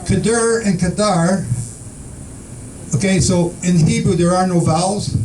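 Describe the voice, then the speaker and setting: In a room in the Philippines, a man leads an informal Bible study for a small group, reading scripture aloud and putting questions to his listeners. His voice sits high and his pace is measured, captured from a distance with a noisy background.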